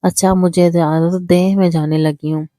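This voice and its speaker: A woman's voice: on the low side, level tone, dark tone, dry recording, clean studio sound, close to an everyday voice. A woman reading the part of a shy, grieving young woman in a storybook novel, speaking hesitantly and politely.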